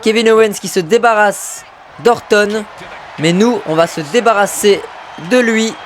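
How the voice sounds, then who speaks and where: Male gamer, high voice, excitable play-by-play, shouts at big moves, mutters asides. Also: measured pace, soft background music. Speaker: gamer commentating his own wrestling video game match.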